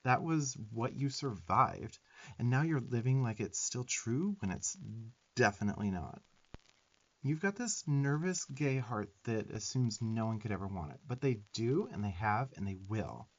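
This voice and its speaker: In an ASMR roleplay, a man voices a sarcastic little demon twink who affectionately bosses the listener around, firm yet tender. His young, mid-pitched voice moves at a moderate pace with lively, swinging intonation, sassy emphasis and blunt profanity in a tough-love style. The audio is slightly dull.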